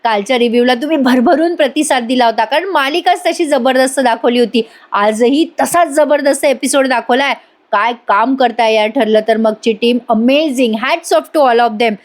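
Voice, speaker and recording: A woman's voice: sits high, normal speed. A woman narrating an enthusiastic, chatty voice-over recap of a TV serial episode. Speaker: TV serial reviewer.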